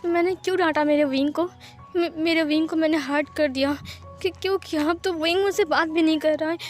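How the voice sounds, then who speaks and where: A woman's voice: high voice, normal speed, darkish tone, faint music behind, lightly acted. A woman voicing an anguished young man who stammers and repeats himself. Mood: distraught.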